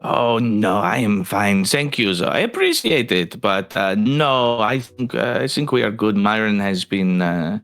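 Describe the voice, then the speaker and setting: A fussy, folksy guild leader rambles through instructions full of hesitations, as a man plays him at a raised pitch. The voice has a gravelly edge. Soft music plays underneath. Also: lively intonation, unhurried, hardly any pauses. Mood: fond.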